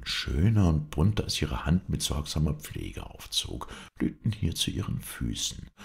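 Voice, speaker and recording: A man reading an old fairy tale aloud as an audiobook narrator, expressive and dramatic. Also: a bass voice, creaky. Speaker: audiobook reader. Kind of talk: storybook narration.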